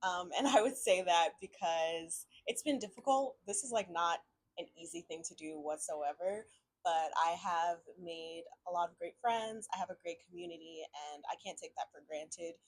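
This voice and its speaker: A woman's voice: on the low side, moderate pace. A young woman from Houston, a law student answering interview questions candidly, a little weary. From Houston, Texas. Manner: candid, a bit weary, laughing.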